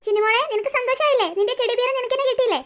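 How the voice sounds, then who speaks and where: A woman's voice: extremely high pitch, fairly even intonation, very fast, fairly bright tone. A woman doing a spiteful scolding old grandma. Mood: scheming. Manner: scornful, scolding. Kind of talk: cartoon voice acting.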